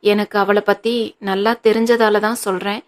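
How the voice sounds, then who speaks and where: A woman's voice: mid-range voice, flat delivery, normal speed, natural voice. A woman voicing a tearful young wife who pleads earnestly with her husband in an audiobook reading.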